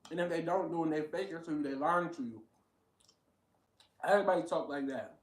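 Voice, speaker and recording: A man's voice: fairly high pitch, brisk, far from the mic. Blunt, profane male commentator, echoey room. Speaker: reaction commentator. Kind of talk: casual commentary.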